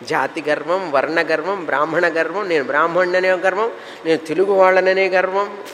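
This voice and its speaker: Male spiritual teacher, explanatory, lists ideas in runs; fairly high voice, hall reverb. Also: fairly even intonation, moderate pace, fairly bright tone, a little hiss or hum. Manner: explanatory, lists terms in runs, mixes English words. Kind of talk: spiritual discourse.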